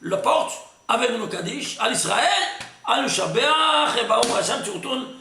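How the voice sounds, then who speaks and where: Animated rabbi with a gravelly, bright voice. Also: male voice, very high voice, normal speed, roomy sound, slight background noise. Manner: lively and emphatic, full of restarts, asks "C'est clair?" often. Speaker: rabbi teaching a class. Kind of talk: animated Torah lesson.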